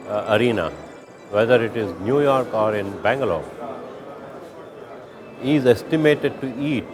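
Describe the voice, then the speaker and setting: A man making a speech with emphatic, rising stress. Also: medium pitch.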